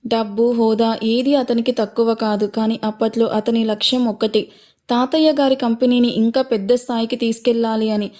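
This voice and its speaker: A woman narrating an audio story in a steady, emotive way. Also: a little high, normal speed.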